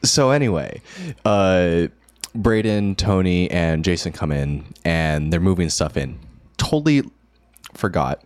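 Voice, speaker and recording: A young man with a very low voice, chatting easily as a podcast guest. He is relaxed and swears freely. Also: unhurried, no echo. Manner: laid-back, swears often. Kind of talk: casual chat.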